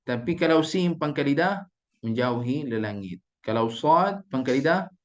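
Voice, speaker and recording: A man teaching Quran recitation in an online class, patiently drilling letters and repeating them slowly. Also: medium pitch, expressive, muffled recording. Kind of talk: online tajwid lesson.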